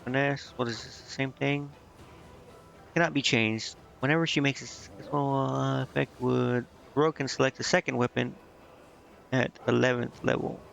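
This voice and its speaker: With fairly even intonation and a fairly bright tone, a man speaks at a moderate pace in a mid-range voice. As a video game streamer, he comments casually, thinking out loud and questioning himself over menus. His recording is muffled and lo-fi, with background noise clearly present.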